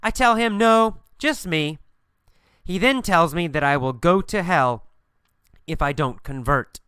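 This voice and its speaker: A man teaching English by telling a first-person story, slowly repeating phrases for learners. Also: a little high, lively intonation, bright, forceful tone, clear, resonant tone, no room sound, clean studio sound. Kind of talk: storytelling lesson.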